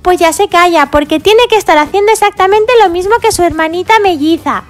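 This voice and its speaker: A woman from voicing a cheerful little girl pig who fusses over her baby dolls in a sing-song, drawn-out way. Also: very high-pitched, faint music behind. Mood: doting. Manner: sing-song, fussing and doting, drawn-out words.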